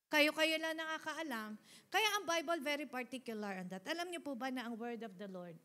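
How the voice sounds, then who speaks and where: High, bright-voiced woman preaching. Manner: animated, laughs often, swings between loud exhortation and soft asides. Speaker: pastor. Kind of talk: Taglish sermon with congregation prompts.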